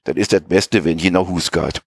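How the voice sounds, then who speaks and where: A man voicing a stern, indignant middle-aged merchant consul who scolds gruffly in a Low German accent. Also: steady tone, moderate pace, dry recording, clean studio sound. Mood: commanding.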